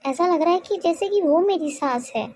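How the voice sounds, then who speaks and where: A woman's voice: very high voice, lively intonation, normal speed, a little mellow, a little hiss or hum. Fussing mother-in-law. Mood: aggrieved. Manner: pleading, plaintive scolding. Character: fussing, well-meaning middle-aged mother-in-law. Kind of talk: cartoon story voice acting.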